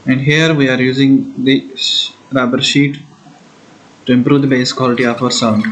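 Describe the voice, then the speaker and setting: A man hosts a DIY electronics build video, narrating a hands-on tutorial casually as he explains and thinks aloud while working. His mid-range, fairly bright voice has little pitch movement and a normal speed, captured in a low-quality recording with slight background noise.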